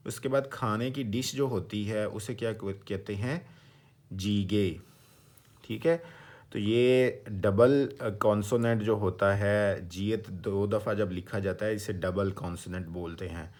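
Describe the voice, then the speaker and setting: This is a man, teaching a relaxed vocabulary lesson. He is patient and breaks every word into its sounds, repeats it slowly, and keeps checking that his listeners are following. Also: on the low side. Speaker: language teacher. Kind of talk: casual explanatory lesson.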